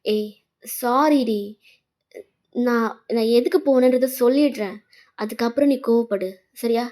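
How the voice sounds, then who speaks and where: A woman's voice: on the high side, unhurried, a little mellow, lightly acted. A woman voicing a young man who keeps apologizing and pleading with his girlfriend in a fan fiction voice-over. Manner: coaxing, apologetic.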